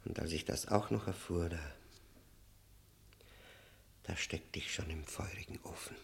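Low-pitched with vocal fry, an actor voices a tormented man confessing his past in a German radio play. He speaks haltingly and broodingly, lurching from emphatic bursts to near whispers, with an anguished, hushed mood.

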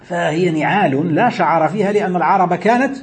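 A man's voice: high voice, fairly quick, a little hiss or hum. A man giving a religious lesson, explaining hadith in classical with colloquial asides and questions to his listeners. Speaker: Islamic scholar teaching hadith.

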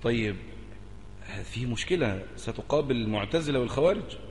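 A man's voice: medium pitch, animated, brisk, in a large hall, a little hiss or hum. A man with an Egyptian accent, a sheikh teaching a religious lesson and explaining a text, who talks emphatically, repeats key phrases and keeps urging listeners to pay attention. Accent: Egyptian Arabic.

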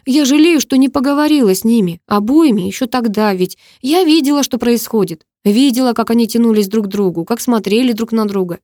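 A woman's voice: fairly high pitch, brisk, hardly any pauses, mellow, dry recording, studio quality, close to an everyday voice. A woman voicing an anxious middle-aged mother who pleads with her family, in a novel reading. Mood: pleading. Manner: pleading, tearful emphasis.

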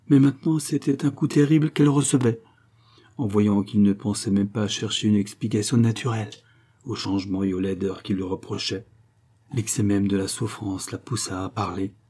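A man narrating a classic novel in a measured, unhurried reading. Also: mid-range voice, warm tone. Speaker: audiobook reader. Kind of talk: literary audiobook narration.

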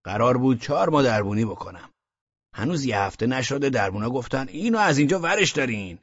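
In an audiobook character reading, a man with a husky, mid-range voice and big pitch swings plays a boastful, talkative grown man who complains while telling his own story, in a mood of aggrieved boasting. The lo-fi recording has no echo.

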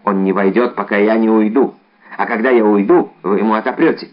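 A man's voice: fairly low pitch, fairly even intonation, fairly quick, dull audio, close to an everyday voice. A man voicing an ardent young guardsman in an audiobook, eager and exclamatory. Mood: resolute. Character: ardent young Gascon guardsman, bold and gallant.

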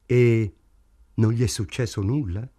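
A man's voice: on the low side, steady tone, a little slow, warm tone. A man reading the lines of a frightened young woman, guarded and restrained. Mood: wary.

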